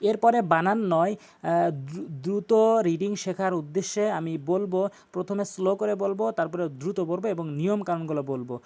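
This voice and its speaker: A man with a Bangladeshi Bengali accent teaching tajweed, spelling Arabic letters out slowly and chanting verses in long drawn-out tones. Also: high voice, vocal fry, darkish tone. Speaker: Quran recitation teacher. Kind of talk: tajweed lesson with recitation.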